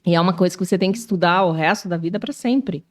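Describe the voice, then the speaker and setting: A woman in her early fifties from southern Brazil, a shopping mall executive, chats as a guest in a casual interview. She's animated and keeps tagging her sentences with "né," speaking in a lowish voice at a quick pace.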